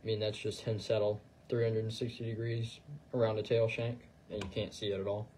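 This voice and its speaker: A man talks through tying a fly on a livestream, loose and unhurried, with plenty of fillers as he works. His voice is mellow and fairly flat in pitch. A faint hiss sits under the audio. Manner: relaxed, talks while working, fillers and trailing phrases. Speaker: fly tier demonstrating on a livestream. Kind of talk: casual instructional chat.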